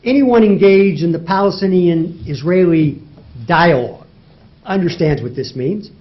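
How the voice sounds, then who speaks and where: A man addresses a judge in a courtroom oral argument, his voice pitched high for a man. He drives his case with rhetorical questions and repeats key words for emphasis. The recording is dull and lo-fi. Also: unhurried. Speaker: lawyer arguing in federal court.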